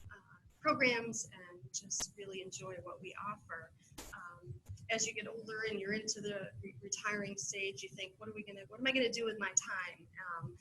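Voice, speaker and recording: A woman with a bright, forceful voice giving a panel presentation for a community center. She talks in a halting way, often stopping on fillers and restarting her sentences, with a faint hum behind her. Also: mid-range voice, poor audio.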